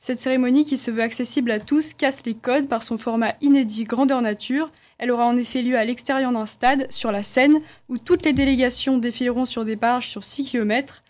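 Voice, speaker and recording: A woman's voice: fairly high pitch, steady tone, brisk, hardly any pauses, darkish tone. A woman reporter reading a prepared news segment fluently on student radio.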